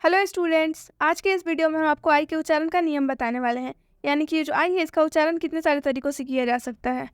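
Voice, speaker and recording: In a clean studio recording free of room sound, a high-voiced female English teacher leads a spoken English lesson. She raises questions, supplies the answers herself, and repeats each point at a slow pace.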